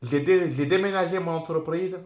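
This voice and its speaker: A man's voice: on the high side, normal speed, darkish tone, close to an everyday voice. A man voicing a company director who talks with a put-on Ukrainian accent, easygoing and rambling, full of fillers, in a toy-figure film. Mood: explaining. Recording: roomy echo.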